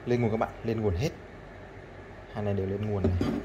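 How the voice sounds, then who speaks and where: A man's voice: on the low side, fairly even intonation, brisk, muffled recording, heavy background noise. A man vlogging as he tests scrap electronics, chatting to viewers and repeating himself often. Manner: chatty, addresses viewers constantly, repeats phrases. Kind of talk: casual hands-on demonstration.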